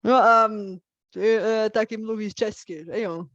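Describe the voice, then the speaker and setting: Bulgarian woman chatting slowly, lots of ums, dry dull sound. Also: mid-range voice, fairly even intonation, a bit bright, dry recording. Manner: hesitant, many fillers while searching for words. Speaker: host. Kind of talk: casual multilingual conversation.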